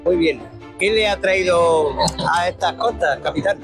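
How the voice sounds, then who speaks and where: Upbeat man reporting over loud music. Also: high-pitched, unhurried. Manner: jokey, upbeat, teasing. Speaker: roving event reporter. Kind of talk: playful on-the-spot interviews. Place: busy fan convention. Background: loud event music.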